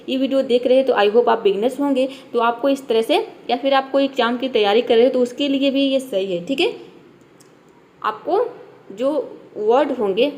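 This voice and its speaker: A young woman teaching English in Hindi with a Hindi accent. She explains patiently, often checks in and answers her own questions. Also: on the high side. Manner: patient, repeats "ठीक है" and asks herself questions. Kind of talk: classroom-style explanation.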